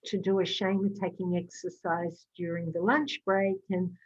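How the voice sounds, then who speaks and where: A woman therapist explaining a therapy technique in a lively way, acting out dialogue with clients. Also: lowish voice, moderate pace, slightly rough, lo-fi sound. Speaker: psychotherapist.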